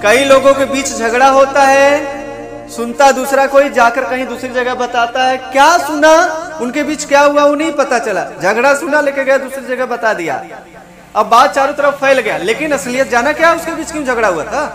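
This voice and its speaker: High-voiced man teaching. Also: moderate pace, music in the background. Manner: explains with rhetorical questions and repetition. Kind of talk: spoken lesson on mantra pronunciation.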